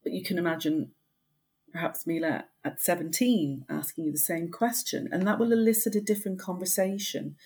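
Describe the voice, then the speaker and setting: A woman speaking as an expert podcast guest, reassuring and measured in a reflective conversation. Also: on the low side, darkish tone, husky.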